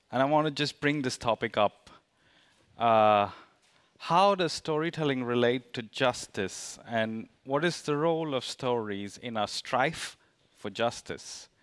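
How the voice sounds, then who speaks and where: Man, panel moderator, slow pace, clear smooth voice, relaxed. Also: medium pitch.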